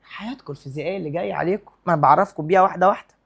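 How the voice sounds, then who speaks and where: Fast-talking Egyptian physics teacher. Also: male voice, sits high, creaky, breathy edge. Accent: Egyptian Arabic. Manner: animated, quizzing and teasing students, mixing English terms into Arabic. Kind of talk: lively classroom physics lesson.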